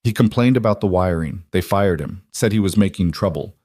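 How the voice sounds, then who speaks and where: A man's voice: low-pitched, animated, a little fast, darkish tone, husky, no echo, studio quality. A man playing an Eastern European worker woman. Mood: grieving. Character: immigrant woman factory worker, hopeful.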